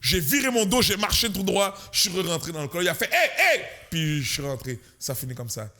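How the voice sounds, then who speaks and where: A man with a Québécois accent, a guest comedian telling an animated, slangy story on a podcast. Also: high voice, fast talker. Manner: slangy, punchy, mixes English words in.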